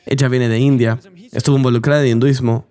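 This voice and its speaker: Guy dubbing an interview, earnest storytelling voice, mid-pitched. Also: little pitch movement, fast talker, mellow, smooth. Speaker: interview guest. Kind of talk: dubbed voice-over of an interview.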